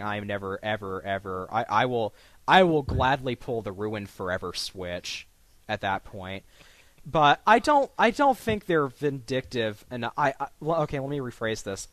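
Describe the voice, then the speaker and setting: A man's voice: medium pitch, fairly bright tone, dry recording. A man hosting a casual podcast chat, rambling and restarting his sentences, often breaking into laughter. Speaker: podcast host.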